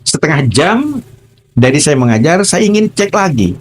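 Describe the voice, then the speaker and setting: A middle-aged man, a teacher, telling a personal story on a podcast in an animated way, acting out dialogue. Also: on the high side, normal speed, slightly rough.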